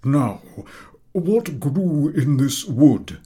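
A man does a full character voice of a pompous old professor for an audiobook, his voice pushed up so it sounds a little high, animated, mellow and husky. He questions in a drawn-out, coaxing schoolmaster manner, with a coaxing mood.

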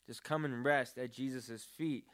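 Man, casual faith chat, earnest, rambling, smooth clear voice, mid pitch. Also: fairly even intonation, a little slow, fairly bright tone. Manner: rambling, earnest, many fillers. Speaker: podcast co-host.

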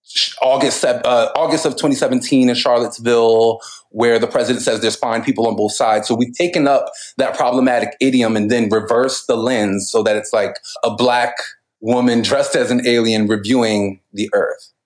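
A man's voice: medium pitch, steady tone, normal speed, rough recording. Man musing thoughtfully on a podcast. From United States. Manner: thoughtful, laughs often, hesitant restarts. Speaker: podcast co-host. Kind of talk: casual cultural commentary chat.

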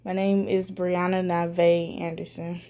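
Soft-spoken young woman. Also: lowish voice, little pitch movement, unhurried. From South Carolina, USA. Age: young adult. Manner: soft-spoken, laughs easily. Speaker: guest, college student. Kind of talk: casual chat.

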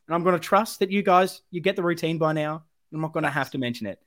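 A man with a broad Australian accent hosts a football fan podcast, speaking fast in a fairly high, fairly bright voice. He's emphatic, passionate and sweary, rambling as he goes.

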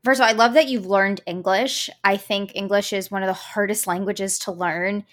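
Speaking at a moderate pace in a mid-range, fairly bright voice with fairly even intonation, a woman hosts a travel podcast. Her interview is enthusiastic and gushing, full of upbeat praise for the guest and many an "I love that."

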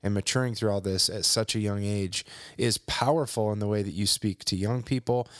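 A man's voice: lowish voice, fairly even intonation, brisk, a bit bright, no echo, clean studio sound. A man co-hosting a casual faith podcast, speaking earnestly and encouragingly with frequent restarts. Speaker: podcast co-host.

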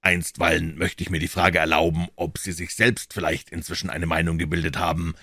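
A man voicing a calm detective in an audiobook, measured and dryly ironic. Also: low-pitched, dry recording, clean studio sound, exaggerated voice. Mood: cool, ironic.

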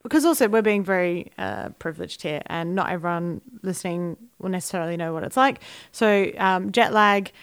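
A woman's voice: fairly low pitch, a little fast, hardly any pauses, smooth, no room sound, studio quality. A woman with an Australian accent chatting casually as a podcast co-host. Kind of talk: casual chat.

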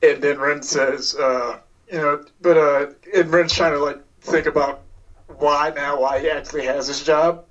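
A man with a fairly high voice describes his character's moves in a tabletop game, pausing and hedging as he goes. He sounds distant from the mic, and the call audio is dull. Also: steady tone, fairly bright tone. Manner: casual, hesitant storytelling. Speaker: player.

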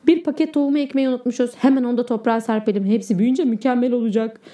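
A woman's voice: a little high, steady tone, racing, warm tone, lightly acted. A woman doing a chirpy coaxing mom. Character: cheerful mother, coaxing her young son.

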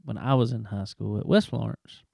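A man's voice: on the low side, fairly quick, creaky, warm tone, no echo, clean studio sound. A man hosting a show, talking in a laid-back, joking way. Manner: laid-back, joking, drawling filler words. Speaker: radio show host. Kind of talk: casual chat.

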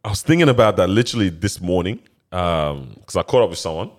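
A man's voice: low-pitched, lively intonation, quick pace. A man hosting a podcast in casual group chat, using slang and acting out remembered remarks. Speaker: podcast host.

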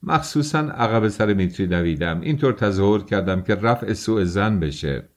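A man voicing a young, thin male worker who confesses in a firm, halting voice. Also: fairly low pitch, lively intonation. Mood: resolute.

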